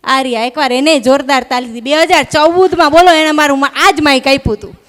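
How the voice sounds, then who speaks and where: This young adult comic speaks high, fairly fast, and with a slightly bright quality. Working a stage mic in an event hall, she performs stand-up live and playfully ribs her audience in conversational style.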